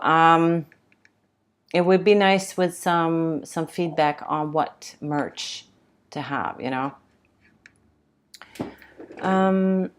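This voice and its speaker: A woman's voice: lowish voice, clear, resonant tone. A young woman hosting a casual livestream chat, reading out comments and rambling with many fillers and restarts. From Sweden. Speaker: tattoo livestream host.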